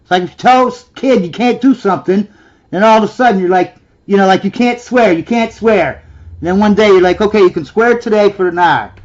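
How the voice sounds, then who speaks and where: Hosting a reaction video, a man rants sarcastically and scornfully, mocking the clip he's watching and mimicking it in a whiny voice. He speaks fairly quickly in a high voice, and the recording's highs are cut off.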